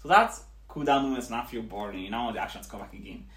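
A man's voice: mid-range voice, quick pace, a bit bright. A man with a Nigerian accent chatting casually as a podcast guest, repeating words as he works out his point in a roomy recording. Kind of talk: casual chat. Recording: roomy, echoey home recording.

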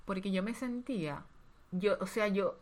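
A podcast co-host who is mother to a toddler talks candidly and emotionally about motherhood in a casual chat, repeating words for emphasis. Her voice is mid-range and her pace a little slow.

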